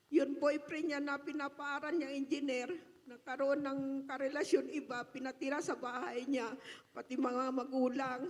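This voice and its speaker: A woman's voice: sits high, in a large hall. A woman giving an emotional church testimony, breaking into praise exclamations as she tells her story. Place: church hall.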